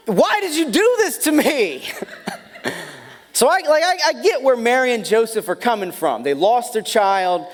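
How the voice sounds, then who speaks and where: Animated pastor in a reverberant church. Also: male voice, high voice. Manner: animated storyteller, self-deprecating humor. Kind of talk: sermon with personal story. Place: church sanctuary. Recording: long hall reverb.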